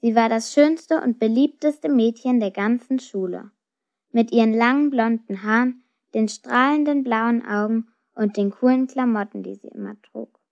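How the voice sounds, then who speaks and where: Brief: woman narrator with an expressive storytelling manner, muffled audio. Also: a little high, moderate pace. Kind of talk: storybook reading. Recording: dull lo-fi recording.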